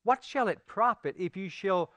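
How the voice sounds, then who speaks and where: A man's voice: sits high, animated, normal speed, no room sound. Earnest preacher man, dry close sound. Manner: rises to loud pleading peaks, then drops to soft earnest talk; addresses listeners directly with questions. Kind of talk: sermon.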